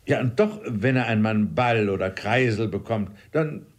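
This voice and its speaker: A man voicing an excitable, fussy father, insistent and raising his voice. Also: fairly low pitch, normal speed, close to an everyday voice. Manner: insistent, fretful, raised voice.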